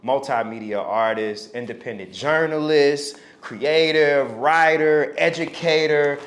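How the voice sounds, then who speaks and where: A man's voice: a little high, slow pace, a bit bright. A man hosting a community storytelling podcast, talking in a laid-back, encouraging way full of "you know.". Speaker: podcast host. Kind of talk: conversational podcast interview.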